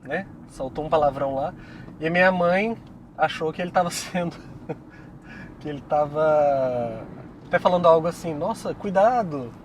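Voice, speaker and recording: A chatty man from Brazil talks in a relaxed, casual way with a slightly raised voice. He laughs easily while giving advice. Faint car noise hums behind him. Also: fairly high pitch, moderate pace, pauses often. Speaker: co-host, Korean teacher. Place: inside a moving car. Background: faint vehicle noise.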